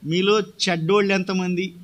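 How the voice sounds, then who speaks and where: A man's voice: sits high, steady tone, normal speed. A male pastor preaching a sermon, often putting questions to the congregation and answering them himself.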